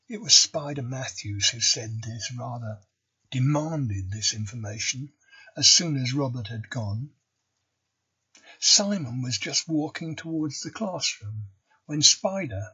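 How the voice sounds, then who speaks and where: A man reading a novel chapter aloud for English learners, slow and deliberate. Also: mid-range voice, sharp tone, breathy edge, dull audio. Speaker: audiobook reader.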